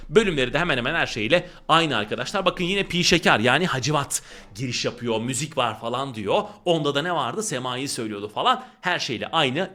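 Male teacher, high bright voice, animated exam-prep lecture, emphatic. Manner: animated, emphatic, repeats warnings to the class. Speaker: literature teacher.

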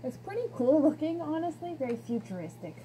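A woman's voice: high voice, very animated, a little fast, warm tone, a little hiss or hum. A woman in a casual product review, talking through a full face snorkel mask so her voice sounds muffled, chatty and candid.

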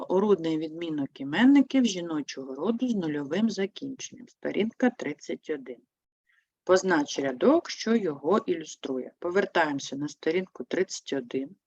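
A woman teaching a primary school language lesson, explaining step by step in a slow, clear manner and answering her own prompts. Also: lowish voice, animated, a little mellow, no echo. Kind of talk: online lesson for young pupils. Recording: dry, slightly dull sound.

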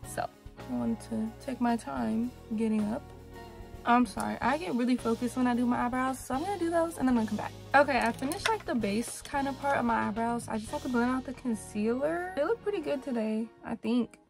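A woman's voice: a little high, vocal fry. A young woman vlogging casually in her bedroom, rambling and chatty, with a morning voice after just waking up. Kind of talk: casual vlog chat. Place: bedroom, indoors.

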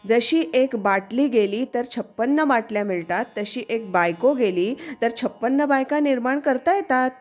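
A woman's voice: fairly high pitch, lively intonation, normal speed, few pauses, natural voice. A woman voicing a wise male yogi teacher who speaks in a firm, instructive manner within a religious story.

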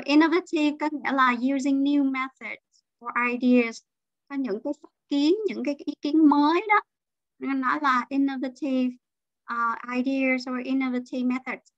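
A woman's voice: high-pitched, steady tone, normal speed, a bit bright, no room sound, dull audio. A woman teacher leading an online class, explaining vocabulary and patiently drilling pronunciation. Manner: drills pronunciation, mixes English terms into explanations.

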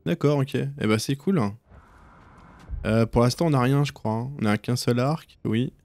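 A man comments on a video game as he plays. His voice is mellow and mid-pitched, and he thinks aloud in a relaxed, casual way. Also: moderate pace, gravelly. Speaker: gaming video host. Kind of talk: casual let's play commentary.

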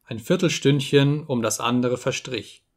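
A man reading a story aloud as an audiobook narrator, calm and measured, slowing on solemn phrases. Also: medium pitch. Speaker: audiobook reader.

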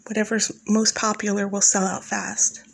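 Calm woman narrating a month-by-month guide. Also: mid-range voice, normal speed, creaky, a little hiss or hum, poor audio. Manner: calm, instructive, talks directly to the listener. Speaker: flower farmer and channel host. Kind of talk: scripted voice-over narration.

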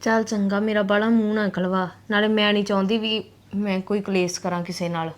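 A woman's voice: medium pitch, flat delivery, a little fast. Weary, resigned Punjabi woman. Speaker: actress playing a suffering sister. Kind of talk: drama acting.

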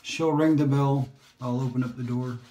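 A shaving vlogger talks casually as he shaves, rambling, joking at his own expense, and now and then dropping to a whisper. His voice is mid-range and mellow, steady in tone, at a normal speed. It's picked up by a phone or camera on a holder in a roomy home space.

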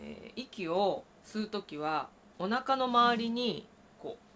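A woman teaching traditional Japanese singing, explaining breath and voice and breaking into loud sustained sung tones. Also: medium pitch, slight background noise. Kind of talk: vocal lesson with sung demonstrations.

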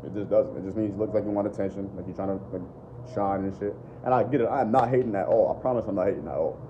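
Sitting in his living room, this young adult vlogger on dating and self-improvement speaks unscripted into his phone camera at arm's length. His voice is deep, his delivery quick, blunt and full of swearing, with "bro" and "bottom line" coming up again and again. The audio sounds dull over a noisy background.

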